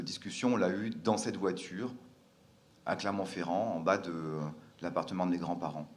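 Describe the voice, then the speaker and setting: Low-voiced hesitant male storyteller. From France. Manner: hesitant, frequent fillers and restarts, earnest. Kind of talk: personal storytelling.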